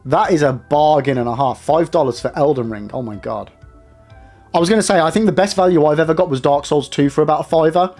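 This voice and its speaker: A young man chats away on a live stream, rambling and calling out to his viewers. His voice sits a little higher than most men's. Soft music plays faintly behind him. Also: fast. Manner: chatty, rambling, addresses chat directly. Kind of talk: casual live-stream chat.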